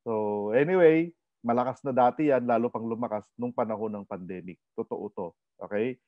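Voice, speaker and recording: Energetic Filipino male seminar presenter, lively delivery, dry and muffled webinar sound. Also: medium pitch, moderate pace, dry recording. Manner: animated, asks the audience questions, code-switches. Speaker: online orientation presenter. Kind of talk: energetic business seminar talk.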